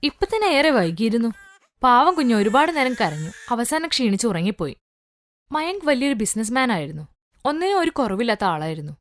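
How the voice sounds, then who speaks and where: Expressive high-voiced woman narrator. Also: fairly quick, no room sound. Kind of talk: scripted storybook narration.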